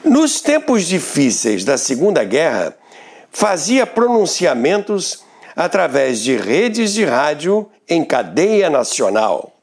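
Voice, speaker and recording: An older man with a Brazilian Portuguese accent hosts a radio history show, narrating from a script with expressive, emphatic delivery. His voice is a little high and he takes it slowly.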